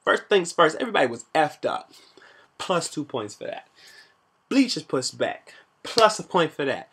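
A young man hosting a vlog, reviewing a college party in animated, slangy storytelling with shout-outs. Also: on the high side, moderate pace, slight background noise.

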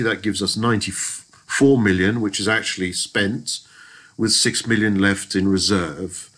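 A man with a fairly low voice narrates a screen-recorded spreadsheet lesson. He works through each step methodically, pausing and restarting his phrases as he goes. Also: fairly bright tone, low-quality recording. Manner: methodical, explanatory, frequent restarts. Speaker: lecturer. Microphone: voice-over on screen recording.

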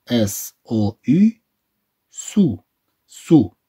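A man's voice: mid-range voice, big pitch swings, extremely slow, dark tone, husky. A male teacher with a Moroccan accent leads a beginners' phonics lesson, spelling letters and then sounding out each syllable, repeating every one. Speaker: French teacher.

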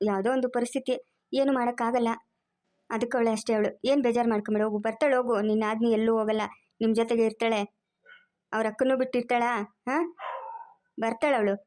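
A woman with a rural Karnataka Kannada accent talks fast in a fairly high voice. She scolds and coaxes in plain everyday speech, as in an acted family drama. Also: warm tone. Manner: quick, scolding and coaxing colloquial talk.

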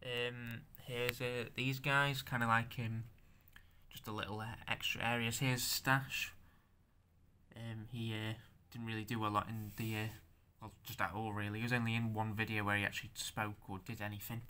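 A young man with a bright, forceful voice shows off his handmade figures in a loose show-and-tell. He stammers, restarts and swears as he goes, and he sounds unused to talking out loud. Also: on the low side, level tone, clear, resonant tone. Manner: halting, stammering, swears, self-conscious. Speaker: stop-motion creator showing his figures.

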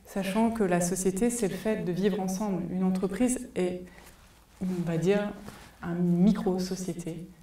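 A woman in her forties gives a live talk from a cinema stage, her dark, mellow voice unhurried and full of thoughtful fillers. She wears a headset mic, yet she sounds set back in a large reverberant hall. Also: fairly low pitch, fairly even intonation. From France. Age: 40s. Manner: thoughtful, many hesitation fillers. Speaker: conference speaker. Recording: echoey hall, voice from far off.

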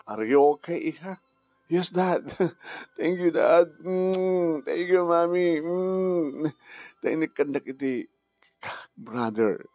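A man's voice: on the high side, a little mellow, dry recording. A man speaking heartfelt family drama dialogue.

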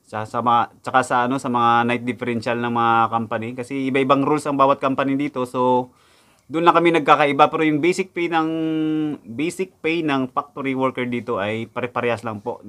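A man's voice: mid-range voice, steady tone, brisk, a bit bright. A young man from the Philippines, a factory worker abroad, vlogging casually about his wages indoors, talking to viewers in a chatty way and repeating his figures. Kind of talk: casual explainer vlog. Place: indoors in front of a backdrop.

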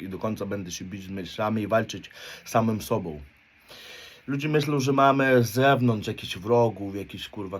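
A man in his thirties from Poland, talking bluntly in street slang and swearing constantly, often ending his points with a questioning "right?". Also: lowish voice. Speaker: motivational speaker. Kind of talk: blunt confessional monologue.

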